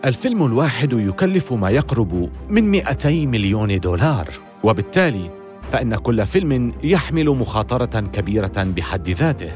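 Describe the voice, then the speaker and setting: Male narrator, scripted documentary, mid-range voice, lively melodic swings, dramatic phrasing. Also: medium pitch, a little fast, faint music behind.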